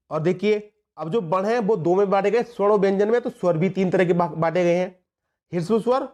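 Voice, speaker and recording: A man's voice: sits high, darkish tone. A man teaching a spoken exam prep lesson over slides. He repeats key points, mixes in words and asks his students questions. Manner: explains by repeating points and asking the class questions.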